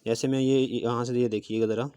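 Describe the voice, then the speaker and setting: Male calligraphy teacher, soft dark voice, walks students through each stroke patiently. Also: mid-range voice, little pitch movement, a little fast, clear, resonant tone. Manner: patient step-by-step explaining, often checking in with "okay"; talks while demonstrating strokes with a marker. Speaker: handwriting teacher. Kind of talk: recorded calligraphy lesson.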